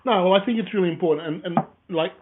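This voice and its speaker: A man co-hosting a casual business chat, telling stories in a jokey, animated way. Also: sits high, rapid-fire. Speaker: podcast co-host. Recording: phone-like narrow sound.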